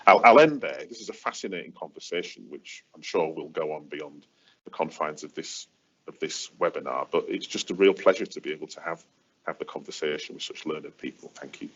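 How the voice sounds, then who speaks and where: A man speaking as a webinar panellist, explaining his points in an emphatic, deliberate way. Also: very deep voice, a bit bright, slightly rough. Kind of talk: webinar talk on leadership. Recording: dull, muffled webinar audio.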